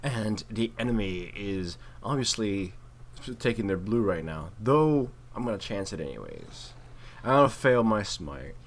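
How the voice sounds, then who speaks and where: A gaming video commentator and player offers casual, wry commentary on the game, with mild swearing and some trash talk. His fairly low voice is sing-song and measured in pace, captured in a clearly noisy home recording.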